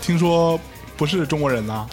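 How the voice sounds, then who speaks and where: Male podcast host, Northeastern-tinged Mandarin, bantering interviewer, animated intonation, light music bed. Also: fairly high pitch, normal speed. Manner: teasing, bantering. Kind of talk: casual chat, interviewing.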